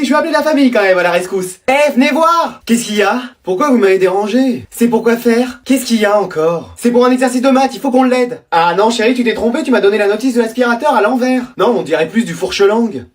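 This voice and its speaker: A young woman performs a comic family scene all by herself. She jumps from character to character, going up into squeaky exclamations and down into low mutters. Her delivery stays quick and playful throughout. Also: distant mic. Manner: quick switches between character voices, squeaky highs and low grumbles. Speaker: comedy sketch creator. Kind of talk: comedic family sketch, playing every role herself.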